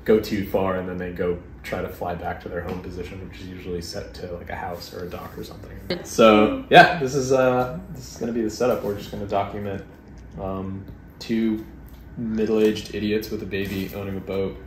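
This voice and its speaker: A vlog host in his thirties, with a lowish voice, gives a casual overview of his video gear at a fairly quick pace, relaxed and jokey, poking fun at himself and laughing often. He's indoors in a wood-paneled living room, wearing a clip-on lapel mic. The room rings with echo, and a clear hiss sits beneath his voice.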